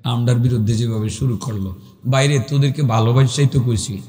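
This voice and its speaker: A man's voice: mid-range voice, steady tone, fairly quick, mellow, big-room sound. A man preaching an open-air sermon, folksy and scolding as he speaks straight to the crowd. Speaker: Islamic preacher. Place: outdoor religious gathering.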